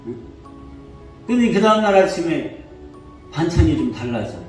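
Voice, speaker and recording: Preaching in a church sanctuary, this male pastor speaks on the high side at a normal speed, animatedly telling stories and putting questions to the congregation. Faint music sits under the echoey, distant sound of the church hall.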